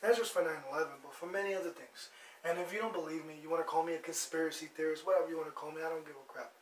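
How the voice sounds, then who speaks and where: A man's voice: a little high, fairly even intonation, very fast. A man hosting a blunt, rambling news monologue, mocking as he goes. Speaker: host. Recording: echoey room, distant mic, faint noise.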